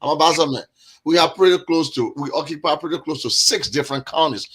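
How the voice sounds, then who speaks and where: Liberya aksanlı, boğuk sesli bir adam; podcast konuğu, ciddi ve kelimeleri tekrarlayarak konuşuyor. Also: male voice, on the high side, fast, fairly bright tone, breathy edge. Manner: earnest, repeats words while building his point. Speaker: podcast guest. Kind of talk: discussion podcast.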